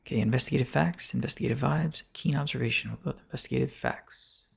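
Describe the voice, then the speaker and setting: A man's voice: medium pitch, fast, gravelly, breathy edge. A man narrating a game playthrough, reading on-screen text and dialogue choices aloud. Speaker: let's play narrator. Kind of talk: let's play commentary.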